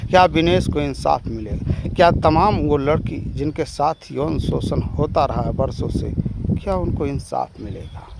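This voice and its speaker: Against a noisy background, a political commentator with a highish voice delivers an impassioned, indignant monologue packed with rhetorical questions and long lists.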